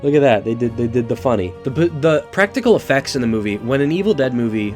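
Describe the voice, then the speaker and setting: Hosting a laid-back movie review, this eighteen-year-old man sounds congested from allergies and rambles with swearing, fillers, and false starts. His mid-range voice is expressive, quick, and a bit mellow, with faint music in the background.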